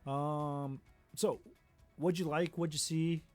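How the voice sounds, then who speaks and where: A man co-hosting a podcast, chatting casually about football in a relaxed, rambling way with frequent ums. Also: fairly high pitch, slow pace, faint music behind. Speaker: podcast co-host. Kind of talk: casual sports chat.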